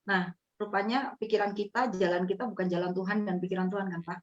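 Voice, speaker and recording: Woman, 40s, sharing her faith story, earnest, mid-pitched voice, bit muffled audio. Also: steady tone, fast. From East Java, Indonesia. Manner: earnest, addresses the host as "Pak". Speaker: guest sharing a testimony. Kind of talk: heartfelt personal testimony.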